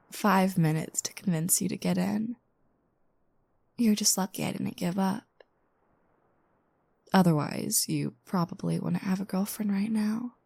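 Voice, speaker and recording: A woman acts as a mellow, slightly gravelly young girlfriend in an intimate audio roleplay, speaking slowly and softly right up close with a drowsy, just-woke-up air. Playful and teasing, she drops soft, breathy asides at medium pitch in an unhurried way, and the recording is dry and roomless.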